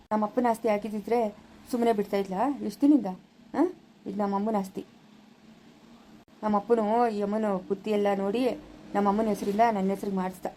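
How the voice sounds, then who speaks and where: A wary husband lays down the facts to his wife in a village family drama, played by a woman. The tone is dark and mellow, mid-pitched. Firm and insistent. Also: slight background noise, natural voice, low-quality recording. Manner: firm, lecturing.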